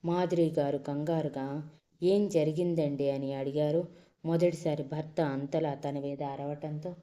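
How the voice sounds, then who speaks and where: A woman storyteller reading a dramatic love story aloud in an expressive narrating voice. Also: low voice, measured pace.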